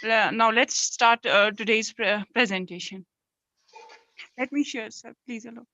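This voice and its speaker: A woman's voice: unhurried, pushed and bright, dry recording. A young woman with a Kashmiri accent giving an academic research presentation as a student over a muffled video call. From Kashmir, India. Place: indoors, on a phone video call. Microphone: phone, speaking through a face mask. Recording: muffled low-quality video-call audio.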